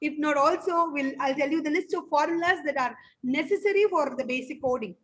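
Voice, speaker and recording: A woman's voice: high voice, lively intonation, fast talker. A woman with an Indian Tamil accent, an instructor deferentially explaining a course in an online meeting. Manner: deferential, often saying sir. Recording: online call with faint noise, clicks.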